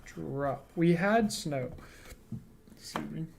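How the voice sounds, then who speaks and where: A man's voice: a little high, takes it slowly, creaky, background noise. A man co-hosting a casual reaction livestream, chatty and joking as he reads viewer comments aloud. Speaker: reaction channel co-host.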